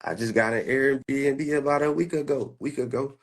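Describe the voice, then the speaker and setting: A man's voice: mid-range voice, moderate pace. A man in his twenties from the United States, a stock trader giving a boastful, profane, confrontational rant while showing his screen. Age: 20s.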